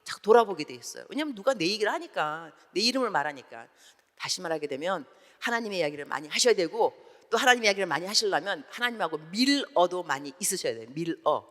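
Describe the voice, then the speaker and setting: 재미교포 여성 선교사가 큰 예배당에서 설교한다. 억양이 크게 오르내리며 활기차게 이야기를 이어가고, 인물들의 대사를 직접 연기해 들려준다. 소리가 넓은 공간에 길게 울린다. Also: female voice, fairly low pitch, fast talker. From United States. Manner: animated storytelling, acts out dialogue. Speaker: missionary preacher. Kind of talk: sermon. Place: large church sanctuary. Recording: long church hall reverb.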